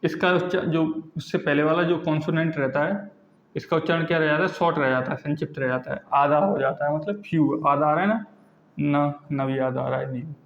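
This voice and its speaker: A man teaching English pronunciation rules, repeating each example slowly and asking and answering his own questions. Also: fairly high pitch. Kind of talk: classroom lesson explaining pronunciation rules. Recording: echoey lo-fi classroom recording.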